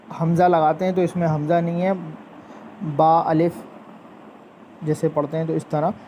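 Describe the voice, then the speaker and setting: A male Quran teacher explains tajweed at a very slow, patient pace, stretching out letter sounds as he demonstrates them. His voice sits a little high for a man but stays quite flat in pitch. Faint background noise runs under the recording. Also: dull audio.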